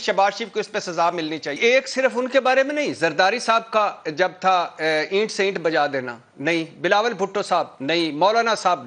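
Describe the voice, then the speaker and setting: Impassioned high-pitched TV pundit. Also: male voice, a bit bright. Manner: impassioned, repetitive, many filler sounds and restarts. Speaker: political commentator on a TV panel. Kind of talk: heated TV talk show debate.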